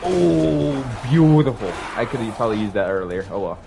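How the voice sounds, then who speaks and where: A man's voice: mid-range voice, moderate pace, creaky, background noise. A young man streaming a horror game, reacting with panicked, swearing outbursts and running commentary. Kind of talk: live gameplay commentary.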